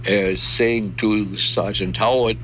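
Elderly man, low voice, very slow unhurried telling, faint music underneath. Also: fairly even intonation, a bit bright, slight background noise. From Germany. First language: German. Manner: slow and measured, with hesitant "uh" pauses. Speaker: war veteran interviewee. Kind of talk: recounting memories in an interview.

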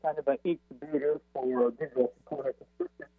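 A man's voice: mid-range voice, fairly even intonation, quick pace, no echo. A man calling into a radio talk show as a guest, explaining things casually with many fillers and restarts, over a crackly phone line that fades in and out. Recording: tinny, breaking-up phone call.

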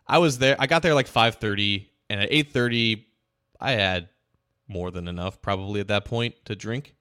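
A man's voice: on the low side, normal speed, pushed and bright, smooth. A man co-hosting a sports podcast, talking casually and telling stories with frequent restarts. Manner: chatty, storytelling, frequent restarts. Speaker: podcast co-host.

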